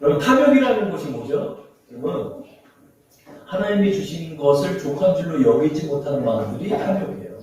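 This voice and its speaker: A man's voice: fairly high pitch, very animated, a little fast, darkish tone. A male pastor preaching a sermon in a church, emphatic and full of rhetorical questions to the congregation. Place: church sanctuary. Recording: very echoey church hall, far from mic.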